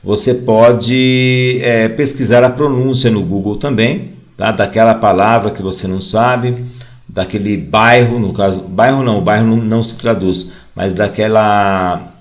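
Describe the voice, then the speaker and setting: A man with a Brazilian Portuguese accent teaches an English lesson online, first drilling phrases slowly and then explaining them casually. His voice is on the low side with a steady tone.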